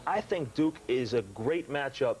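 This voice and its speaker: A man's voice: medium pitch, lively intonation, a little slow, darkish tone. A man giving emphatic, conversational basketball analysis.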